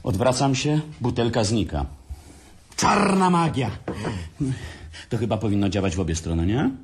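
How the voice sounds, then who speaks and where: An amateur radio drama actor voices Adam, a hard-drinking, cheeky brother who plots and jokes with his sibling, in a sing-song, mid-range voice at normal speed. The lightly acted performance is playful and mischievous, with slight background noise.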